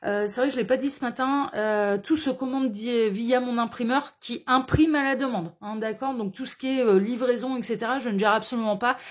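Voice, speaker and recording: A woman's voice: fairly high pitch, brisk, few pauses. A woman hosting a casual tarot reading to camera, chatty and full of hesitant fillers and tag questions. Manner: chatty, sprinkles "hein, d'accord" tag questions. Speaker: tarot card reader and channel host.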